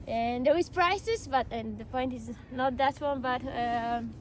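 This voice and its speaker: High-pitched woman. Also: a little slow, a crowd in the background. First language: Persian. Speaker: vlogger doing an ice bath challenge. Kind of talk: casual chat.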